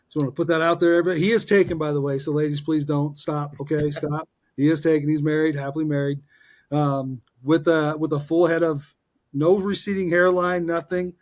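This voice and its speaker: A man in his forties co-hosts a podcast with a casual, upbeat manner, tossing playful jokes at his co-host amid many fillers and restarts. He speaks briskly in a fairly high, slightly mellow voice with a level tone.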